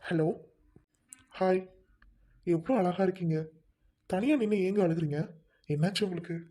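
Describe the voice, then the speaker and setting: A kind young man, soft-spoken and lightly teasing, as a woman acts him out. The voice is low for a woman and dark, mellow and warm, soothing and coaxing in an amateur dialogue drama. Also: moderate pace, breathy edge.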